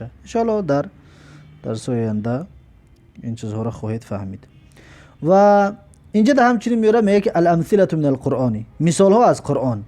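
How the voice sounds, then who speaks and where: A man with a Tajik accent teaching the Arabic alphabet, explaining patiently and repeating each letter with a slow, stretched pronunciation. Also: fairly high pitch, warm tone. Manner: patient, repeats letters and drawls them out slowly. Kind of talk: step-by-step alphabet lesson.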